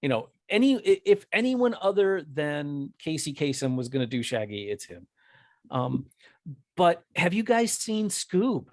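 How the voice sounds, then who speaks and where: Guy rambling about movies, voice jumps all over, kinda high, dry room. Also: unhurried, no room sound. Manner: rambling, restarts, animated. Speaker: podcast co-host. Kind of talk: casual chat about movies.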